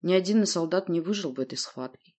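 A woman reading a fantasy audiobook in steady first-person narration. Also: lowish voice, fast talker.

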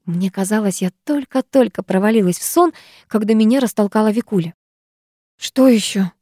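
A woman reads a first-person novel aloud in an even, measured way. Her voice is mellow and warm, and the close recording is dry. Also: mid-range voice, no room sound. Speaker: audiobook narrator. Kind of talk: first-person audiobook narration.

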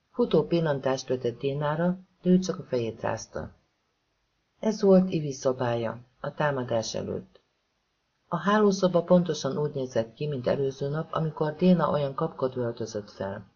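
A man narrating a thriller novel as an audiobook, reading calmly and evenly and giving the characters soft voices. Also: on the high side, slightly rough. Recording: dull lo-fi audiobook recording.

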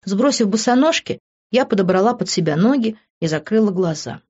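Woman, audiobook narrator, first-person novel, expressive, medium pitch, muffled lo-fi recording. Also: brisk, husky. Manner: expressive, emotional reading. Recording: dull lo-fi recording.

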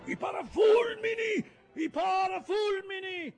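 A man voicing an alarmed ship's first mate, shouting orders urgently in an audiobook. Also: very high voice, slow, music in the background, pitched above the performer's own voice, heavily acted. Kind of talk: audiobook character voice.

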